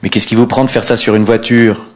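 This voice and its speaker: Guy doing a gruff cop, blunt and curt, fairly low voice. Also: steady tone, brisk, close to an everyday voice. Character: gruff Parisian male policeman.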